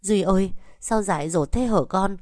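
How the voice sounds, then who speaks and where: A woman's voice: on the low side, expressive, normal speed, dark tone, no echo, studio quality, natural voice. A woman voicing a distraught middle-aged mother who sobs and begs her son to come home. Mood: tearful pleading. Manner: sobbing, pleading.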